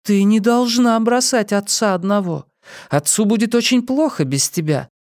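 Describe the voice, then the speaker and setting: A man reading a book aloud, voicing a tender, calm mother in a soft, soothing voice. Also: medium pitch, normal speed, no echo, studio quality, pitched above the performer's own voice, close to an everyday voice. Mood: gentle. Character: tender middle-aged mother, gentle and calm.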